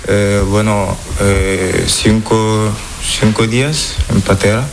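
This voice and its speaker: Hesitant man from Senegal, slow. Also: lowish voice, steady tone, vocal fry, slight background noise. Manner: hesitant, halting non-native Spanish. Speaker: interviewee. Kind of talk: street interview.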